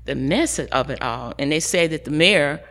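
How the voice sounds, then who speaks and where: A woman with a very low-pitched voice trades gossip as co-host. She tells stories in a loose, chatty way. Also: animated, moderate pace, fairly bright tone. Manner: gossipy, storytelling. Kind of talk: casual chat.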